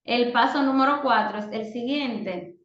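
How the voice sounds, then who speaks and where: A woman, a mother, teaching an online parenting course and giving direct advice with slow, emphatic stresses. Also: a little high, roomy sound, dull audio.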